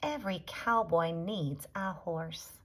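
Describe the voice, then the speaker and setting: A woman's voice: fairly low pitch, takes it slowly, fairly bright tone. A woman voicing a practical, no-nonsense woman ticket seller who asks pointed, leading questions. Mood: exasperated.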